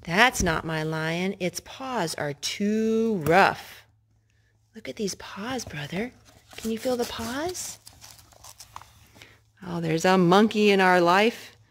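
Indoors in a home living room, a parent reads stories and sings to young children, talking simply and teaching as she goes, with questions for them along the way. Her mid-range voice moves slowly with long pauses, and there's a little hiss or hum on the recording.

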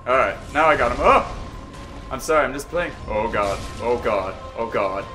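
A man giving let's play commentary, muttering quietly and then yelping, screaming and laughing when startled. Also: medium pitch, expressive, normal speed. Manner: quiet, mumbled asides between outbursts. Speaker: gaming channel host. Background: game music.

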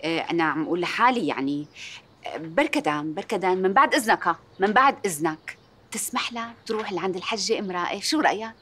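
An actress playing a placating Syrian aunt who sweet-talks her brother and niece, speaking softly with a Syrian Arabic accent. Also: medium pitch, animated, quick pace, a little hiss or hum, close to an everyday voice. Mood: coaxing. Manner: placating, soft-spoken, coaxing. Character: soothing, coaxing aunt and sister, sweet-talking. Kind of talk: TV drama acting.

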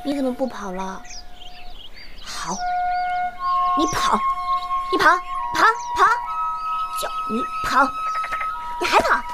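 A spirited young daughter. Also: female voice, high-pitched, very animated, slow pace, pauses often, over loud music, full character voice. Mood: scolding playful. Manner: emotional, anxious.

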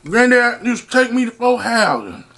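A man, hosting an eating show and telling stories to his viewers in a loose, animated way, calling out to them and hyping himself up. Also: extremely high pitch, moderate pace. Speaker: mukbang host. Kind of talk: casual storytelling to camera while eating.

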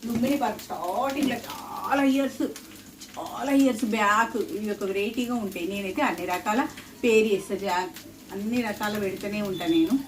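A woman's voice: medium pitch, brisk. Chatty Telangana woman in a noisy, roomy kitchen. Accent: Telangana Telugu. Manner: chatty, rambling, repeats herself. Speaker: home cooking vlogger. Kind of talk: casual chat while cooking. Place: indoor home kitchen. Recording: roomy, distant mic, clear kitchen sizzle. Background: sizzling oil, clattering pots and pans.

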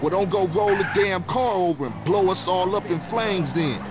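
A man's voice: high voice, normal speed, lightly acted. A man voicing a cocky, irritable young gangster in a video game, American accent, slangy and scolding. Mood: nagging, irritated. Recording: loud engine and gunfire noise.

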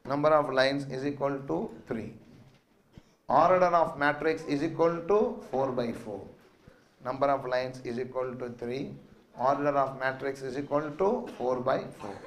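A middle-aged maths teacher with a South Indian accent lectures his class at a slightly slow pace, his voice sitting at medium pitch. He repeats phrases so students can take notes and keeps prompting them with quiz questions.

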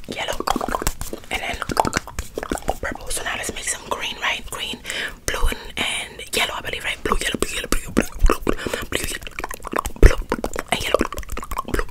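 A young woman doing an ASMR whispered role-play in a breathy whisper with wet mouth sounds, rapidly repeating words close to the mic in a room at home. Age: young adult. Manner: whispers with rapid repetition of words and trigger phrases. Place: small indoor room at home.

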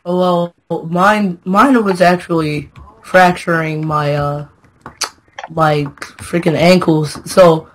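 A man's voice: high voice, fairly even intonation, takes it slowly, slight background noise. A young man in casual chat, joking and laughing as he tells a school story. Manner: joking, teasing, laughs often. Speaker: podcast co-host.

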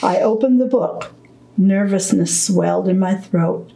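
A woman reading a children's book aloud at storytime, slow, deliberate and gentle. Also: medium pitch, creaky, reverberant, slight background noise, poor audio. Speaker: storytime reader.

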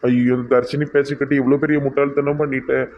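A man's voice: medium pitch, little pitch movement, fast talker, dull audio, slight background noise. A man in a comedy skit who pleads and apologizes to a woman. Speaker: comic suitor in a skit.

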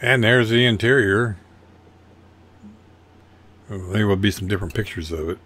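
A man's voice: lowish voice, measured pace, a bit bright. An older man casually narrating his model car build over photos, rambling and folksy with a self-deprecating humor.

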